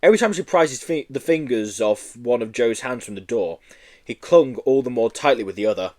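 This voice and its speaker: A man reading a children's book aloud in an animated storytelling manner. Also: medium pitch, a little fast. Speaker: audiobook reader. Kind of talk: storybook narration.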